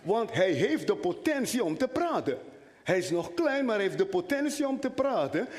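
High-voiced animated male preacher. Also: normal speed. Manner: animated, talks directly to the congregation. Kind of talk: sermon. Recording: long hall reverb.

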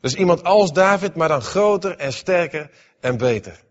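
A man preaching a sermon in a church, reading scripture and then expounding it, dramatic, swinging between raised emphatic lines and hushed ones. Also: a little high, lively intonation, moderate pace. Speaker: pastor. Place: church hall. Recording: dull, hall with long reverb.

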